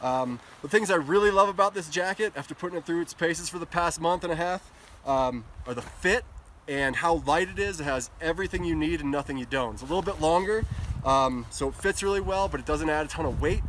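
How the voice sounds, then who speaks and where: A middle-aged man, a brand ambassador, casually showing off a jacket outdoors on a snowy mountain, talking in a relaxed way with plenty of ums. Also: on the high side, brisk, a little hiss or hum. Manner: relaxed, hesitant with fillers. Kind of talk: casual product walkthrough.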